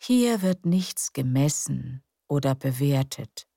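A woman narrating sleep stories for adults in a hushed, calm, soothing, breathy and creaky voice, often close to a whisper. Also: a bass voice, slow pace, no echo. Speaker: sleep story narrator and podcast host. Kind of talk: soothing scripted bedtime story narration.

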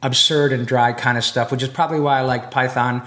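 A guest voice actor, interviewed casually amid a convention floor, talks fairly quickly in a medium-pitched voice. Animated and rambling, he keeps restarting his long anecdotes and peppering them with fillers.

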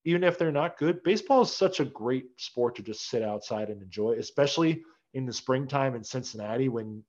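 This young podcast host rambles through a casual sports chat in a laid-back way, full of fillers. He speaks briskly and animatedly in a mid-range, slightly mellow voice, and the lo-fi audio sounds a little dull.

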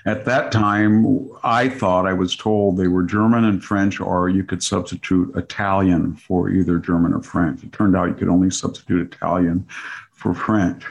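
A man's voice: low-pitched, fairly even intonation, normal speed, creaky. An older man giving a conversational academic explanation in a professorial, digressive way, often rephrasing himself. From grew up on a farm. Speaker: scholar guest explaining classics.

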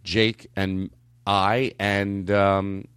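A man hosting a podcast in casual comedic chat, rambling and halting as he keeps interrupting himself. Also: lowish voice, level tone, fairly bright tone, clean tone, dry recording. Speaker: podcast host.

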